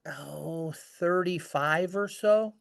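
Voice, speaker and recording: A man's voice: on the high side, very slow, gravelly, no room sound, clean studio sound. A middle-aged man casually telling a story, acting out the dialogue as he goes. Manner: animated, acts out dialogue. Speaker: guest storyteller.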